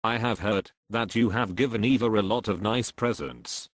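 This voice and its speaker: A man with a Swedish first language hosting a homemade birthday skit, earnest and deadpan. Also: on the low side, moderate pace, no room sound. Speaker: host of home birthday video. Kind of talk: home video skit.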